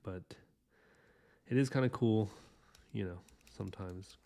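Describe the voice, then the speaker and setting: A man's voice: fairly low pitch, measured pace, gravelly, mellow. A man in his thirties talking loosely through a drawing lesson as he sketches, rambling and chatty with many restarts. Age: 30s. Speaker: artist hosting a drawing podcast. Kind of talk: casual drawing tutorial while sketching.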